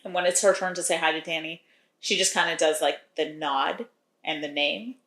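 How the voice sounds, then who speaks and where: A woman's voice: deep voice, normal speed, fairly bright tone, reverberant. A woman co-hosting a podcast, recapping a romance novel in a chatty, wry way and laughing often. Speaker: podcast co-host recapping a book. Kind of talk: casual chat.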